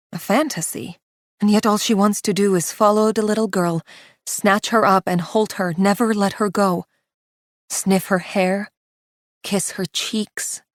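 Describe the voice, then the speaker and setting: A woman narrating a psychological thriller audiobook in a tense, hushed delivery. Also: mid-range voice, no room sound, studio quality. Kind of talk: scripted narration.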